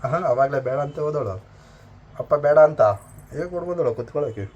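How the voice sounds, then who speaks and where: A man teases his family at home, the words tumbling out quickly. His voice is pitched in the middle, and a faint hiss of background noise sits under it. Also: lively intonation, mellow, lo-fi sound. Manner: teasing, quick and playful. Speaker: vlogger, husband and father. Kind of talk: casual family banter.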